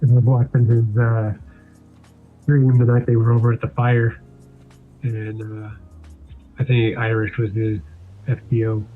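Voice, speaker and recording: A man's voice: medium pitch, little pitch movement, measured pace, long pauses, faint music behind. A man in casual voice chat, laid-back and hesitant, his voice muffled as if heard through a wall. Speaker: fellow streamer in voice chat. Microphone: headset mic over voice chat.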